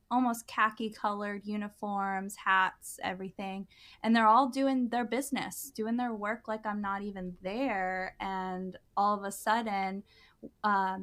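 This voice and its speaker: A woman co-hosting a podcast, recounting something that happened to her. She talks casually and earnestly at a middle pitch, with lots of "like" and "um" and frequent restarts. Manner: earnest, animated, many fillers and restarts. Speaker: podcast co-host. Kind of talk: casual storytelling.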